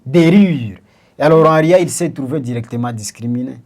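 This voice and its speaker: Hesitant young man explaining slowly. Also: medium pitch, darkish tone. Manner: hesitant, many fillers and restarts; explains with examples, asks questions. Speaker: podcast co-host. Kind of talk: casual discussion.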